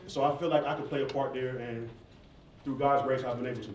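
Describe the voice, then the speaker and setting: An American man with a steady, fast, medium-pitched voice fields questions at a live event; he's a hip hop artist and former college athlete from near Atlanta in the southeastern United States. He speaks candidly and casually in slang, and the distant mic picks up an echoey hall with faint noise.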